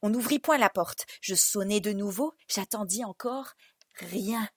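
A woman narrating literary prose as an audiobook, in an expressive, dramatic storytelling manner. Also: mid-range voice, measured pace, no echo, studio quality.

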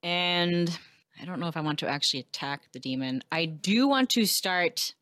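A woman plays a tabletop roleplaying game, talking casually with a lively, swinging pitch. She sounds tentative and questioning as she works out her moves. The recording is dry and close. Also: normal speed, dry recording.

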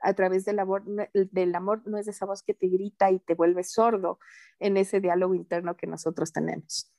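A woman guest on a podcast, talking in a calm, earnest and gently reassuring way about spiritual matters. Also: medium pitch, moderate pace, creaky, no room sound. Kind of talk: casual interview talk.

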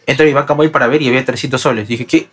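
Fast-talking Peruvian man telling stories. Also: mid-range voice, breathy edge. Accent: Peruvian Spanish. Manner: fast, animated anecdote-telling with many restarts. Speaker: podcast co-host. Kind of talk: casual storytelling chat.

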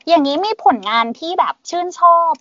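A woman hosting a podcast in casual chat, chatty and lively. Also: very high-pitched, fairly quick, highs cut off. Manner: lively, chatty, refers to herself by nickname. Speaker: podcast host.

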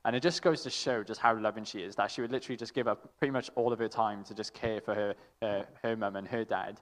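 A young man sharing a halting, affectionate story, with many restarts and laughs. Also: lowish voice, steady tone. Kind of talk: casual storytelling in a tribute. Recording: long reverb in a hall.

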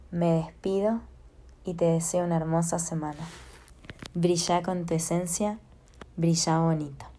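A woman talks the listener through an affirmation exercise in an unhurried, calm coaching voice. Her voice sits fairly low for a woman, and she speaks straight to the listener. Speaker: podcast host.

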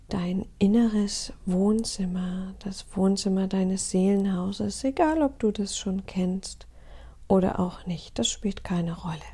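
With intentional pauses throughout, a woman leads a guided meditation in a soothing, calm tone. Her medium-pitched voice is husky and breathy, frequently approaching a whisper.

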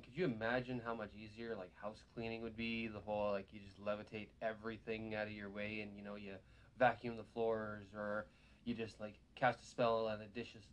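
A man hosting a casual chat, talking in rambling, meandering sentences. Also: lowish voice.

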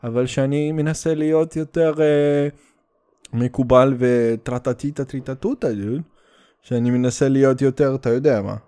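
A man's voice: medium pitch, steady tone, warm tone, clean tone. A man from the Soviet Union with a Russian accent, hosting a casual solo podcast in a blunt, sweary, rambling way with English slang mixed in. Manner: rambling, stop-start delivery. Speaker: podcast host.

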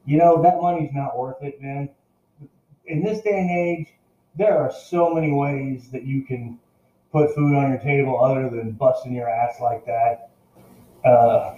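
Earnest older man, mellow, roomy sound. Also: mid-range voice. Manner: earnest, encouraging, repeats and restarts words. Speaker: vlogger addressing viewers. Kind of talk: casual talk to camera. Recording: roomy, slightly dull recording.

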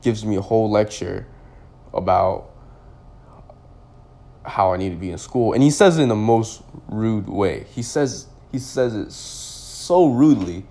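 Young guy with a lowish voice, rambly podcast storytelling, lots of likes and restarts. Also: lively intonation, a little slow, warm tone. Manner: rambling, heavy use of "like" and restarts. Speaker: podcast host. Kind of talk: casual personal storytelling.

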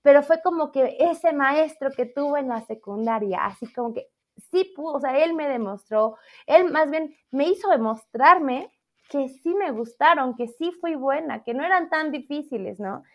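A woman, a math teacher, chatting in an interview about her career path in a lively, self-deprecating way. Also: high-pitched, normal speed. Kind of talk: casual interview chat. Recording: slightly dull lo-fi audio.

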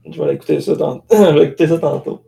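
A man's voice: on the high side, quick pace, vocal fry, slightly rough. Young Québécois man, light-voiced podcast host. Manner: laughs often, relaxed storytelling. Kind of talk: casual chat.

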